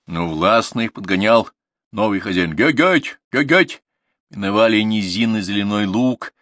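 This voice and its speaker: A man reading short stories aloud as an audiobook narrator, in an expressive storytelling manner. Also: fairly low pitch, dry recording, studio quality. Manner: expressive, story-telling delivery. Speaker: audiobook reader.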